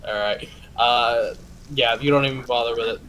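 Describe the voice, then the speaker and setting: A man's voice: medium pitch, steady tone, moderate pace, a bit bright, slight background noise, rough recording. A man running a tabletop game as game master, narrating casually and loosely, with frequent swearing and restarts. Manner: loose, profane, trails off and restarts.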